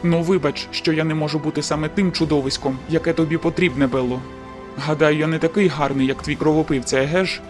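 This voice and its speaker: A woman's voice: low voice, steady tone, fast, over music, pitched below the performer's own voice, natural voice. A woman voicing a hot-tempered young male werewolf in an audiobook, with clipped, bitter retorts.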